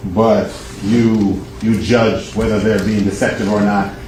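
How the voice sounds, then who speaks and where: A man's voice: fairly low pitch, flat delivery, measured pace, a little mellow. A man cross-examining a witness as an attorney, probing and rephrasing his questions. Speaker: defense attorney. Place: courtroom. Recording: echoey, distant, noisy courtroom audio.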